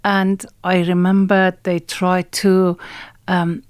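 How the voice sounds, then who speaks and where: A woman from Iran with an Iranian accent, talking in a halting, hesitant way as a guest in a radio studio interview. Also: on the low side, completely flat delivery, clear, resonant tone, no echo. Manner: halting and hesitant, many pauses and fillers. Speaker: guest singer.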